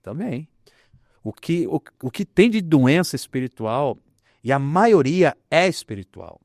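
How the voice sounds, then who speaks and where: A man, a pastor telling a healing story in an animated, emphatic way. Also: a little high, a little slow, dry recording, studio quality. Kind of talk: testimony in a conversation.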